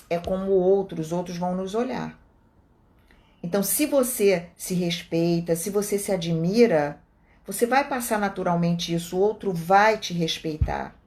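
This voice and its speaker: A Brazilian woman gives a live talk as a meditation teacher, and her voice sits in an ordinary middle pitch for a woman. She explains things calmly and patiently, and she stretches out her words whenever she repeats her meditation instructions. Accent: Brazilian Portuguese. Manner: calm, explanatory, speaks slowly when quoting meditation cues.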